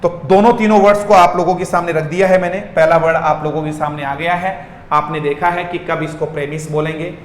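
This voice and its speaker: A man teaching an online English class, energetic and often asking students to repeat after him. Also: on the high side, a little fast. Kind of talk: online lesson in Hindi mixed with English. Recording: echoey room with long reverb and faint noise.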